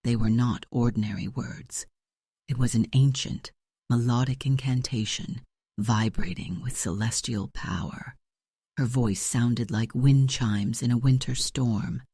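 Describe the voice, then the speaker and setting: A male narrator reads a romance audiobook with steady, dramatic delivery. His tone is dark and mellow, and the recording is dry and close. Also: mid-range voice, a little slow, slightly rough, no echo.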